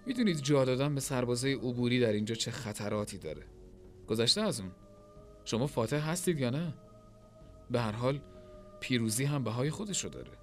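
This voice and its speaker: A man's voice: mid-range voice, lively intonation, pauses often, soft background music, close to an everyday voice. A man voicing a complaining, money-minded innkeeper who talks defensively.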